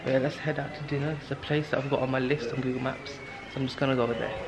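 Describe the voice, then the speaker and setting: Very fast but steady in tone, his mid-range voice belongs to a worn-out young man in his twenties with a sore throat, casually rambling in fillers to a handheld camera at arm's length during solo travel. He begins in a guesthouse room indoors and later walks a noisy narrow street at night, with clear background noise throughout.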